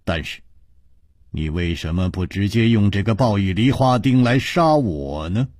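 A man voicing a calm, wry male swordsman hero who speaks in a slow, amused drawl. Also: fairly low pitch, no echo, studio quality.

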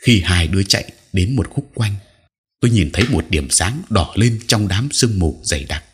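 A man narrating a scripted spooky story in a steady, measured way. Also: low voice, slightly rough.

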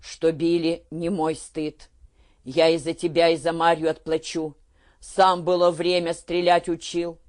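A man reading an audiobook, voicing a calm, strong-willed young peasant daughter who speaks steadily and firmly. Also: fairly high pitch, a little slow, close to an everyday voice. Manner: steady, firm, plain-spoken.

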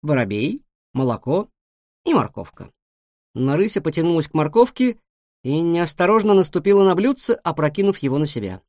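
A woman narrating a children's story in a calm, expressive reading voice. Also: low voice, moderate pace, dry recording, studio quality. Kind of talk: audiobook storytelling.

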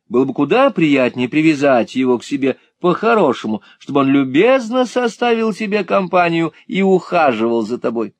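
A man's voice: high voice, dry recording, voice pushed up. Man doing a coaxing, giggly young woman. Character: pretty, coaxing young woman friend, pleased with herself.

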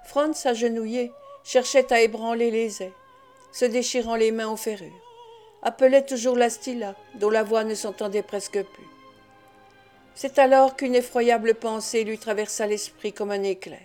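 Femme qui lit un roman à voix haute, ton mesuré et expressif, timbre chaud, un peu aigu. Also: female voice, a little high, faint music behind. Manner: measured, expressive reading. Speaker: audiobook narrator. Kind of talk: scripted narration of a classic novel.

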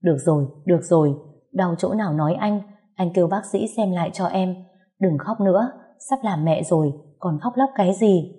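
A woman playing a gentle young husband in an audio story, soothing and lightly teasing. The voice is fairly low and warm. He talks calmly, with a hint of playfulness. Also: moderate pace, natural voice.

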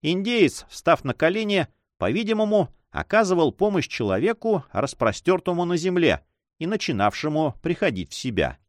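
A man reading an adventure novel aloud with expressive, animated storytelling. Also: fairly high pitch, moderate pace, dry recording, clean studio sound. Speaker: audiobook reader. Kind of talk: expressive audiobook narration.

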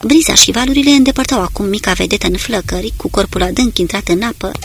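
Gravelly audiobook narrator. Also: medium pitch, a bit bright, slight background noise.

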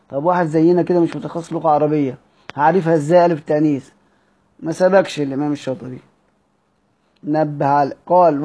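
Egyptian male teacher, fairly high voice, quizzes himself aloud, slow chanted quotes, brisk asides. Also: warm tone, muffled recording. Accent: Egyptian Arabic. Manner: drawn-out chanting of quoted verse, quick asides; asks and answers his own questions. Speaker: teacher explaining a classical Arabic text. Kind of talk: colloquial Egyptian lesson mixing classical quotations.

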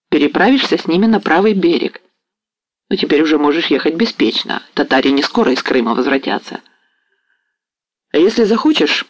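A man's voice: a little high, no echo, pitched above the performer's own voice. A man voicing a sly, commanding cossack officer who teases with a knowing tone. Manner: teasing, knowing.

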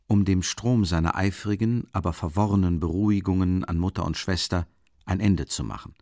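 A man narrating a classic novel as an audiobook, measured and dramatic. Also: on the low side, darkish tone, no room sound, clean studio sound. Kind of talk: scripted literary narration.

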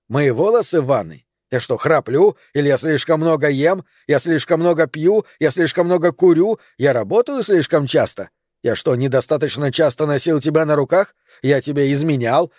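A desperate, jealous man, as a male audiobook reader plays him, pushing his voice higher and louder in a string of pleading questions. The recording is dry and close, with no room sound. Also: no echo, close to an everyday voice. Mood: pleading, furious. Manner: loud, pleading, rapid-fire questions.

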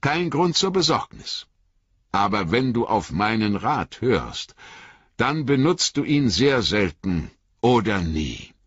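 A man reading an audiobook, voicing an old, grave and cautious male wizard who speaks in measured warnings. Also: fairly low pitch, sing-song, a bit bright, breathy edge, no echo, voice pushed up, heavily acted. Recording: dull lo-fi audiobook recording.

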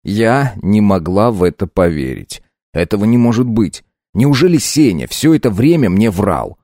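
A man narrating an audiobook in a steady, measured way. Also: fairly low pitch, no room sound, studio quality. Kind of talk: scripted narration.

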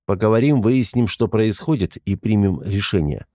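A man playing a calm, protective young prince who speaks in a level, measured way. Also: lowish voice, dry recording, studio quality.

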